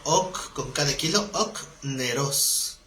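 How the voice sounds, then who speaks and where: A man teaching a live Bible class, animated, breaking into quoted voices. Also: measured pace, a little hiss or hum. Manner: animated, acts out quoted voices with rising pitch. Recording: roomy echo.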